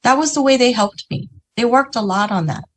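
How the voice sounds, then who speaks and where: On a video call, a native English-speaking woman gives a chatty, motivational business presentation, frequently tossing in "right?" and "you know." Her voice is slightly high, animated, and brisk, with a bit of background noise.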